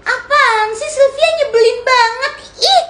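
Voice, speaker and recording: A woman's voice: sits high, expressive, moderate pace. A woman playing a bossy, sneering young woman. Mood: irritated. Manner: demanding, mocking and sharp. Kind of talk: homemade dramatized story.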